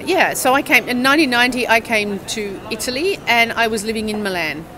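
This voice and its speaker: A woman's voice: a little high, fairly quick, crowd noise, low-quality recording. A woman in her sixties with an Australian accent, a university English teacher telling a long, rambling story in a casual interview at an outdoor cafe on a town square, stopping to correct herself and check in with the listener.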